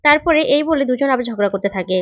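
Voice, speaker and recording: High-voiced woman retelling a serial. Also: expressive, fast talker, no room sound. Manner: plain storytelling with repeated linking phrases. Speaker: serial recap narrator. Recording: dull, lo-fi recording.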